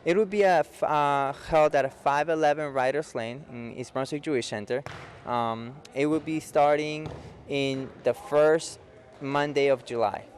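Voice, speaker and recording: This youth futsal coach, a man in his forties from Peru, speaks to a local cable TV crew inside a futsal facility in a steady tone at a measured pace, his voice on the high side. He explains plainly and repeatedly checks in with "okay?".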